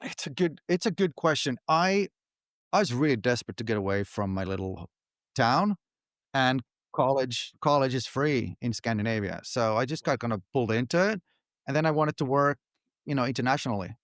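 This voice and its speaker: Relaxed Finnish-raised middle-aged man, dry sound. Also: mid-range voice, no room sound. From Finland. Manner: relaxed, halting, with restarts and "you know". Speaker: podcast guest, company founder. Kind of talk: casual interview answers.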